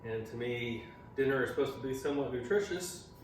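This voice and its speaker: In a brisk, medium-pitched voice, a father runs a home cooking demonstration for his channel from his own kitchen, chatting, explaining, and teasing a little. The sound is echoey and faintly noisy, picked up by a far-off mic.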